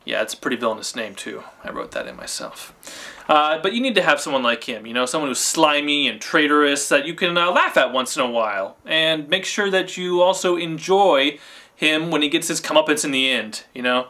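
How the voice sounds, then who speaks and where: A man's voice: fairly high pitch, brisk. A young man playing an eager, goofy filmmaker, chatting to the camera behind the scenes of a comedy shoot. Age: young adult. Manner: eager, goofy, excitable director. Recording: noisy amateur camera audio.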